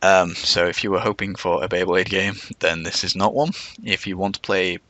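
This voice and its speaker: Deep-voiced man with whistling S sounds. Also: steady tone, moderate pace, a bit bright, dry recording, lo-fi sound. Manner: rambling, self-deprecating, apologetic. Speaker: game developer and video narrator. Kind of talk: unscripted devlog narration.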